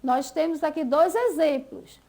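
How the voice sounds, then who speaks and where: A woman's voice: sits high, a little slow, gravelly, mellow. A Brazilian woman teaching a school lesson, patiently stretching out example words syllable by syllable. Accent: Brazilian Portuguese.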